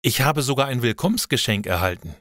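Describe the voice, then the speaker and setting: A man voicing a young woman in a learner's story, a little higher and livelier than his narration. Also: expressive, fast talker, fairly bright tone, no room sound, studio quality, natural voice. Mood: pleased. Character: young woman, friendly then nervous.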